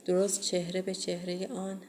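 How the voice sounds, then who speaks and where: A woman reading a first-person horror audiobook in a steady, measured way. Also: fairly low pitch, slight background noise. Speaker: audiobook reader.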